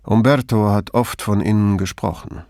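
A reserved, guarded family doctor, read by a man in a low voice. His tone stays neutral and careful. The recording is dry and close. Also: steady tone, moderate pace, darkish tone, no echo, natural voice.

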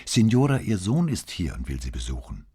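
A man reading an audiobook voices a patient, devout young nun who speaks clearly and soothingly. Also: sits low, sing-song, normal speed, dark tone, full character voice. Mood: coaxing.

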